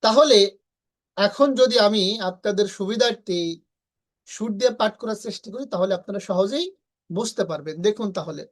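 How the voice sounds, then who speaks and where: A woman from Bangladesh with a Bangladeshi Bengali accent, teaching verse pronunciation slowly and patiently, repeating syllables and chanting lines in a melody. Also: mid-range voice. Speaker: Gita recitation teacher.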